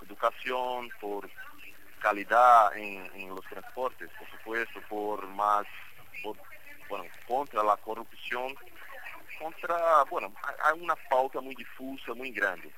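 A Brazilian-accented man, a native Portuguese speaker, gives live radio interview commentary as a guest journalist in halting, non-native Spanish, searching for his words. His lowish voice sounds pushed and bright, and the poor audio carries a little hiss or hum.

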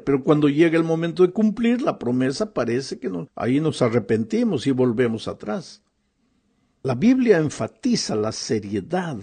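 Gravelly, husky man teaching a Bible lesson. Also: medium pitch, dark tone. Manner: earnest, reads scripture slowly, addresses listener directly. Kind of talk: devotional Bible lesson commentary.

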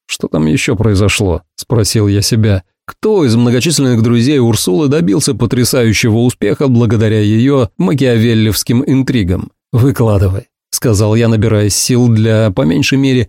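A man's voice: mid-range voice, fairly quick, hardly any pauses, warm tone, no room sound. Dry, ironic male audiobook narrator.

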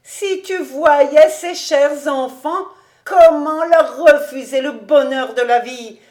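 A woman's voice: high voice, slow pace, a little mellow, voice pushed up. A woman voicing a kindly old male rabbi who talks earnestly and pleads fondly, in an audiobook reading. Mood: pleading.

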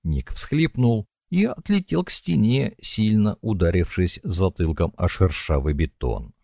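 A very deep male voice reads a dramatic story with wide, lively swings in pitch. The recording is close and dry, with no room sound at all. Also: a little slow, vocal fry, dry recording. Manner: expressive, dramatic reading. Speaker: audiobook narrator. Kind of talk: scripted dramatic narration.

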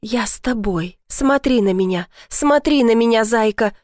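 A woman narrator voicing a protective husband who speaks quietly and soothingly. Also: on the high side, measured pace, dry recording, clean studio sound, lightly acted. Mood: tender.

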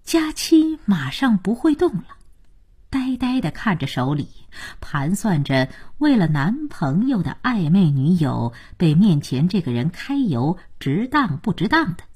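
A woman narrates an audiobook in an animated, expressive way. Her voice is husky and rather high. Her pitch ranges widely. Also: measured pace. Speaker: storyteller.

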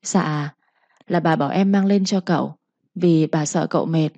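A woman's voice: low voice, moderate pace, dark tone, dry recording. A woman voicing a sly young female servant who whimpers and pleads while faking pain. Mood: timid. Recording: slightly muffled recording.

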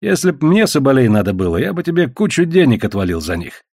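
A man's voice: medium pitch, sing-song, fast talker, a little mellow, dry recording, studio quality. A man voicing a cheerful, burly fur trader who talks in a bluff, coaxing way. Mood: jovial.

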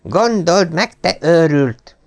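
Man voicing an old aristocratic father: stern, commanding, raised and gravelly, storybook reading. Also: a little high, lively intonation, pitched above the performer's own voice. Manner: scolding, commanding.

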